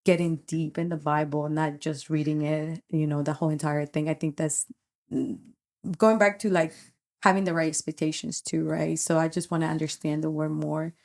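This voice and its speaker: A middle-aged woman with a noticeably low-pitched voice shares her thoughts on a podcast. She speaks earnestly and reflectively, pausing and restarting as she gathers her words. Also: level tone, a little mellow. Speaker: podcast co-host and youth ministry leader. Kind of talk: casual podcast chat.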